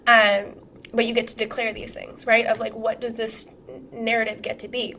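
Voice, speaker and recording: A hoarse woman who is sick, teaching a live-streamed trauma-healing masterclass in a casual, swearing, animated way full of rhetorical questions. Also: a little high, moderate pace, a little hiss or hum.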